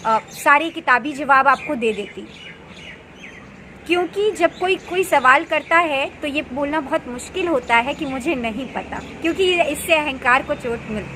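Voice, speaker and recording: A woman in her thirties, a meditation practitioner, earnestly explaining a practice in unhurried casual talk with pauses and fillers. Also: high voice, a bit bright, slight background noise. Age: 30s. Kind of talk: casual spoken advice.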